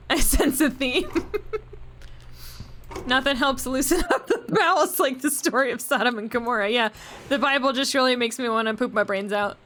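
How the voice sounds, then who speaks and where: Young woman streamer riffing on a game, bright voice, jokey n giggly. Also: high voice, normal speed, pauses often, a little hiss or hum. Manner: joking, giggly, swears casually. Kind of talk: casual gameplay commentary.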